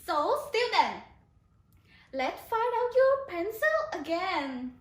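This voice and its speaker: A Thai-accented woman teaches young children online in a very high, bouncy voice that swoops up and down. She speaks slowly and leads them through repeated questions in a sing-song way, sounding hoarse. The echoey room adds a roomy ring to her voice. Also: sing-song. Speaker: kindergarten English teacher.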